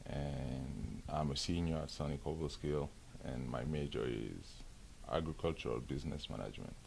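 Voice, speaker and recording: Young man from mauritania, very low voice, gravelly, matter-of-fact. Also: normal speed, darkish tone, slight background noise. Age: young adult. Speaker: student. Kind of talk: interview answers.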